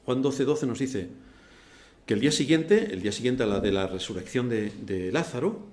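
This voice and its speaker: A man preaching a sermon as pastor, animated, with rhetorical questions and sudden loud outbursts. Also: medium pitch, moderate pace, roomy sound. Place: church hall.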